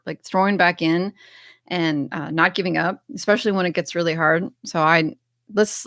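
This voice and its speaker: This is a chatty American woman hosting a casual livestream, her voice sitting on the lower side. She talks in an upbeat, loose way, reading out comments from viewers. The sound is dry and close, with no room around it. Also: a bit bright, no echo. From United States. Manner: chatty, upbeat, reads chat comments aloud. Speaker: livestream host.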